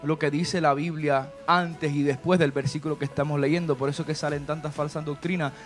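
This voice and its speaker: A man's voice: a little high, steady tone, a little fast, faint music behind. A man pastor hosting a church talk show, talking in a chatty preaching manner with frequent tag questions. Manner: preachy, warm and chatty, with many "¿verdad?" asides. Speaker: pastor and host.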